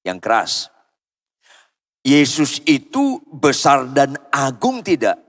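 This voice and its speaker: A man from Indonesia preaching a sermon as pastor in a church, swinging from loud cries down to low murmurs and calling out to the congregation for answers. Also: wildly swooping pitch, slow pace. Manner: asks the congregation for responses. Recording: long church hall reverb.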